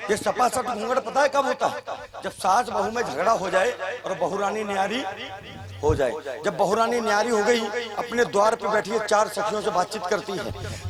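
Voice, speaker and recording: High-voiced man doing live stage comedy. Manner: animated storytelling, addresses audience as devotees. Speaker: comic performer at a devotional night. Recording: live show with loud music behind.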